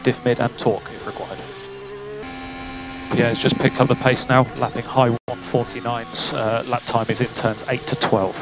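A man's voice: medium pitch, little pitch movement, normal speed. A man working as a race engineer, giving clipped, matter-of-fact updates over race car radio and repeating key figures. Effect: team radio transmission.

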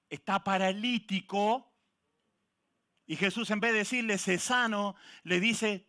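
High-voiced, bright, joking pastor. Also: male voice. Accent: Chilean Spanish. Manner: lively, jokes with the congregation, calls out people by name. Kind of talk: sermon. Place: church.

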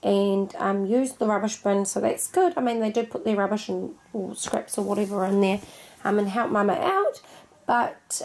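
A woman's voice: medium pitch, darkish tone. A woman, narrating her housework in a casual voice-over with many ums and asides to viewers. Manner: chatty, lots of ums, friendly asides to viewers. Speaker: cleaning vlogger.

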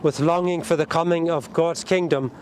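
A man leading a burial service outdoors at a cemetery, reciting the prayers in a solemn, measured way. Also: a little high, fairly even intonation, darkish tone, a little hiss or hum. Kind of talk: liturgical graveside prayer.

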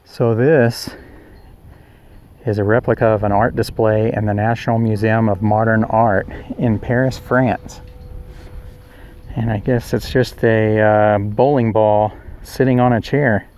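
A man's voice: on the low side, fairly even intonation, measured pace, darkish tone, slight background noise. A man with an Oklahoma accent casually narrating a walking tour of a rural yard, recorded outdoors on a handheld camera. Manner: easygoing, chatty, narrates as he walks. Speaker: vlogger touring a roadside attraction.

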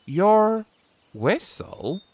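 A man voicing an excitable young male engine with a high, anxious voice. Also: very slow, no echo, full character voice. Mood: puzzled.

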